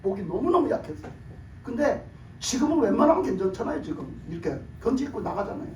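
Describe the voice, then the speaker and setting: A man preaching a sermon in a hoarse, worn voice, pressing his point with rhetorical questions and laughter. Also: sits high, sing-song, fast, a little hiss or hum. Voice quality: hoarse, broken voice from years of shouted prayer. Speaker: pastor. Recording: echoey room, mic at a distance.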